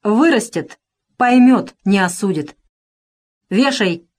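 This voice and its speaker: A stern, grim Cossack ataman from a historical storybook, barking short commands in a loud, raised voice, as a woman narrator acts him out. He speaks in terse orders and expects to be obeyed. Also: mid-range voice, lively intonation, slow.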